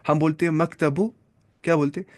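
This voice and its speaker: A man's voice: on the high side, steady tone, brisk, darkish tone, no echo. A man teaching an Arabic grammar class, who repeats key terms and keeps quizzing his students.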